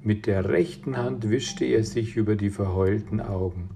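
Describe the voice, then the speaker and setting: A man reading a children's adventure audiobook in a measured storytelling manner. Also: lowish voice, vocal fry. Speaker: audiobook reader. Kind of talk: scripted narration. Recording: reading over guitar music.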